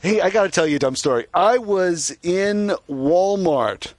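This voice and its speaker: Animated man telling car stories. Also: high-pitched, unhurried. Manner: animated storyteller, laughs often. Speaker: radio show co-host. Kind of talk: casual car talk radio chat.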